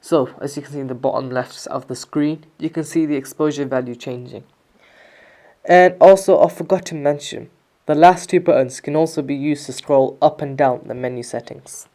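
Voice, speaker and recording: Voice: mid-range voice, steady tone, normal speed, mellow. A person giving a casual, explanatory product review, talking through features step by step in an informal way. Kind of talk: casual scripted-sounding product review narration.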